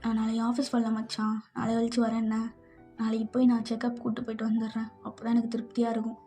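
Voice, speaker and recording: A woman voicing a gentle, caring young husband in a fan fiction audio story, speaking in a soft, husky, affectionate way. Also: on the high side, completely flat delivery, quick pace, soft background music, close to an everyday voice. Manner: soothing and affectionate.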